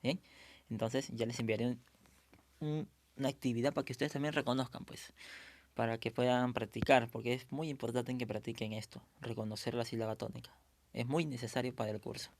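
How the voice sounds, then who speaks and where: A man's voice: medium pitch, steady tone. A man teaching a language class online, patiently repeating and sounding out words for students. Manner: patient, repeats words slowly to model pronunciation.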